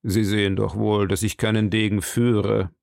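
A man's voice: lowish voice, flat delivery, moderate pace, vocal fry, darkish tone, no echo, clean studio sound. Man reading as a haughty English nobleman.

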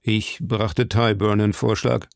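A stern, decisive English lord, read by a male narrator who speaks curtly and matter-of-factly. The voice stays near the reader's own, slow-paced and dry. A storybook reading. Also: lowish voice, level tone, gravelly, no echo.

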